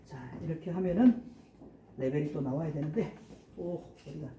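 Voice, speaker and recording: Man, sound workshop instructor, mellow dark voice, faint hiss, step-by-step explanations. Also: a little high, normal speed. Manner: explains step by step while adjusting a mixer, counting mic checks. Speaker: audio lecturer. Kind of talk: live hands-on sound workshop. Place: large church hall. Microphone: handheld microphone through a PA. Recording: roomy distant hall recording.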